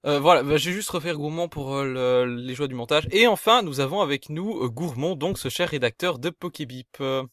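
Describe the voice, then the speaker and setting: A man's voice: a little high, expressive, a little fast, hardly any pauses, a bit bright, no room sound, studio quality. A man hosting a gaming podcast, chatting casually and teasing his co-hosts with exasperated banter. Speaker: podcast host. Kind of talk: casual chat.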